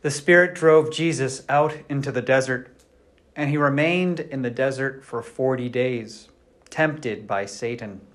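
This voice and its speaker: A man of middle pitch leads Mass as priest, reading the Gospel and then easing into a homily. His delivery is measured and unhurried, like telling a story. His voice rings with a roomy church echo that fills the space around him.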